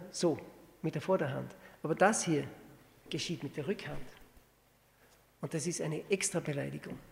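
Male preacher, sermon, gravelly voice, rhetorical questions, slow scripture reading, long reverb of a church hall. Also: a little high, darkish tone. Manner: teaching with rhetorical questions, reads scripture slowly.

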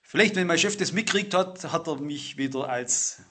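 A middle-aged man preaching a sermon, stressing words loudly and then dropping into quiet asides. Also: moderate pace, husky. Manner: emphatic, swings between loud stress and low asides.

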